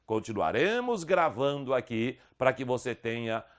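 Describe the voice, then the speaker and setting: A Brazilian man teaching an online lesson, slowly spelling out speech sounds with careful, exaggerated articulation. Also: mid-range voice, very animated. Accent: Brazilian Portuguese. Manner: slow, over-articulated demonstration of sounds. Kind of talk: video lesson promoting a course.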